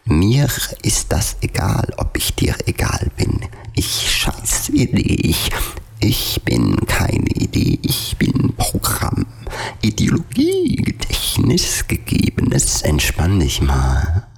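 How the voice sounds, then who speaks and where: A contemptuous, sneering nightingale, put on by a man reading a story aloud. Her voice creaks like an unoiled door and slips into a husky whisper. The tone is low and rough. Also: huge pitch swings, slow, exaggerated voice. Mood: creaky, sneering. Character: scornful creaky female nightingale, embodied capitalism.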